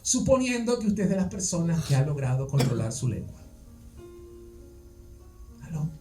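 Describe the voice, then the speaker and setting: A man's voice: fairly high pitch, very animated, moderate pace. Man preaching in an echoey church. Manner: conversational, rhetorical questions, checks on listeners. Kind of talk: sermon. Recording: echoey church, distant mic, faint music.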